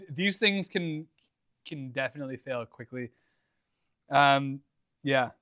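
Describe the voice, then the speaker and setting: Young male streamer, fairly high voice, dry close sound, relaxed and rambling. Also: no echo. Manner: laid-back, rambling, lots of likes and ums. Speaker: livestream host. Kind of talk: casual livestream Q&A. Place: home workshop.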